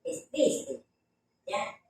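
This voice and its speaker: A woman's voice: drawn-out words, a little mellow. A woman sharing a personal testimony with her church group, rambling through the story with filler asides and tag questions. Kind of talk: telling a personal anecdote. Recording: echoey room, voice from far off, background noise.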